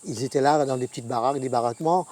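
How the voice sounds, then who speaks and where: A man's voice: mid-range voice, very fast, a little mellow, slight background noise. A man giving spoken testimony in a hesitant way, repeating words as he goes. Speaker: interviewee.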